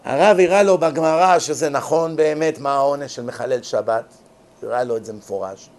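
A man who is a rabbi giving a religious lecture, telling stories in an animated, emphatic way. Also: medium pitch.

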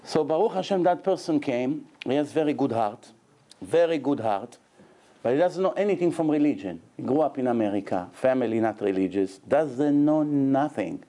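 Joking rabbi with a mellow voice. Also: male voice, mid-range voice, expressive, moderate pace. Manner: joking, chuckling, mixing Hebrew and Yiddish words. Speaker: rabbi giving a lecture. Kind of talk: informal Torah lecture with anecdotes.

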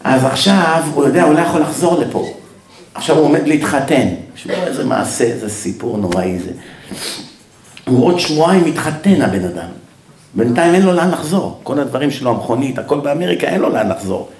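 A rabbi tells a story in a Torah lecture, his voice pitched a little high for a man. He acts out the lines of each person in his tale. The room around him has a clear echo. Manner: animated storyteller who acts out the dialogue. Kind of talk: storytelling sermon.

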